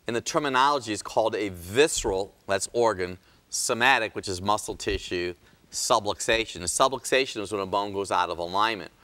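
A man's voice: lowish voice, pushed and bright. A man hosting a health talk show as a chiropractor, speaking emphatically, pleading with viewers and dropping sarcastic asides.

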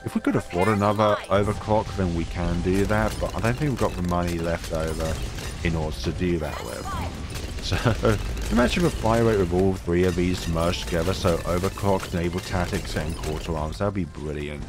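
A thirty-year-old gaming channel host with a very low voice, made even deeper by a cold, gives relaxed commentary at a normal speed over his gameplay. Recorded on a desk mic, he stays calm and drifts into chatty tangents while game music plays clearly underneath.

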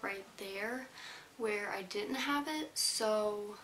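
With a medium-pitched, somewhat bright voice, a young beauty vlogger talks casually through a makeup tutorial, often trailing off mid-thought. The indoor room with a plain wall gives the recording a roomy echo, and a faint hiss sits underneath.

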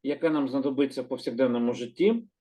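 A man teaching a calm, slow lesson, gently repeating words and patiently correcting himself. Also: medium pitch. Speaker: Hebrew teacher.

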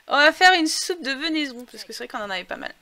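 Woman, let's play commentary, bright voice, slightly high, chatty, filler-heavy, reads quest text aloud. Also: expressive, normal speed. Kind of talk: casual gameplay commentary.

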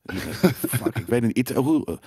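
A man's voice: medium pitch, expressive, moderate pace, dark tone, slightly rough. A man from the Netherlands co-hosting a podcast in casual, teasing chat, swearing freely. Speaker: podcast co-host. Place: studio at a table.

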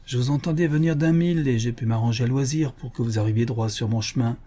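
A man's voice: mid-range voice, fast talker, warm tone, lightly acted. A man voicing a cornered, ashamed male spy in an audiobook, grumbling in a sour-sweet tone. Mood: rueful.

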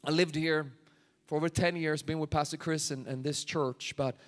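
A man's voice: fairly high pitch, steady tone, normal speed. A man in his forties from Sweden, preaching a sermon on a large church stage into a handheld microphone, acting out prayers and quotes with rising intensity. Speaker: pastor.

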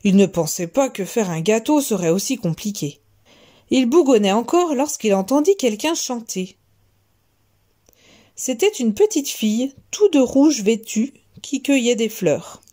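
A woman storyteller reading a children's tale aloud in a gentle, expressive way. Her delivery is slow and unhurried, with a mellow tone, pitched a little high.

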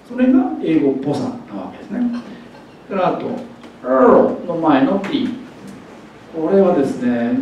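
A man giving a university lecture in a jokey, animated way, acting out pronunciations. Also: fairly high pitch, slight background noise. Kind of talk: faculty development lecture. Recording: echoey hall, distant mic, dull.

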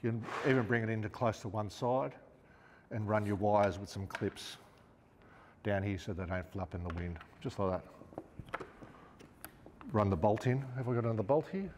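A man's voice: lowish voice, moderate pace, pauses often, a little mellow, big-room sound, a little hiss or hum. A man in his fifties with an Australian accent, chatting casually as he demonstrates gear hands-on in a showroom. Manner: chatty, hands-on, talks while working. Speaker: outdoor gear store presenter. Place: large indoor showroom.

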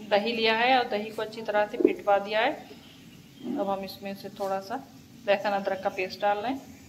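A woman with a cold and a hoarse voice, casually explaining a home recipe step by step as a cooking vlogger. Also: medium pitch, level tone, moderate pace, background noise. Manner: plain, homely instructional tone.

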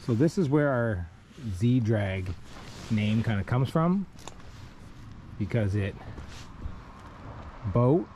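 A man with a mellow, dark voice walks through rope rigging one step at a time, in a plain and methodical manner. He is outdoors on a rocky riverbank, recorded by a camera on his body. A faint outdoor hiss sits behind him. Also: medium pitch, expressive, very slow, long pauses. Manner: plain, methodical, talks while rigging by hand. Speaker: kayak rescue instructor. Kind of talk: step-by-step instructional demo. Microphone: wearable camera on body.

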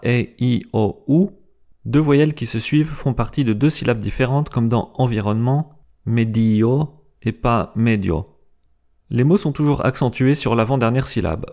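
Man, mellow warm tone, scripted explainer narration, lively, careful slow pronunciation examples. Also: medium pitch. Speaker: language video host.

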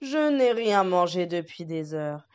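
A woman's voice: lowish voice, big pitch swings, a little slow, darkish tone, clear, resonant tone, lo-fi sound. A woman voicing a hungry but sentimental male wolf who muses and grumbles to himself. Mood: musing.

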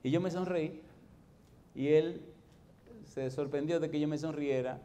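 A middle-aged man preaching a sermon as pastor, animated and swinging from soft to loud. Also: fairly high pitch, a little slow.

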